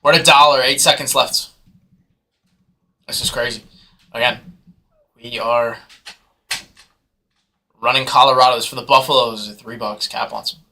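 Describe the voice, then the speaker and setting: A man hosts a live card break and calls out bids in hyped, rapid auction patter. His voice is very bright and sharp. He sits close to the mic. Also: medium pitch, steady tone. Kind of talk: live sales commentary.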